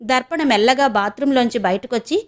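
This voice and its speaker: A woman from India calmly reading an audio novel in a steady storytelling way. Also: a little high, brisk. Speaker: audiobook narrator. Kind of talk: scripted narration of a novel.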